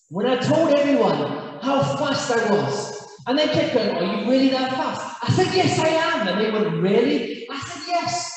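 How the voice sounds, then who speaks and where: A man from South Africa, a pastor, preaching a sermon and telling funny stories with lively energy. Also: extremely high pitch. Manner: animated storytelling with humor. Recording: echoey hall from far off.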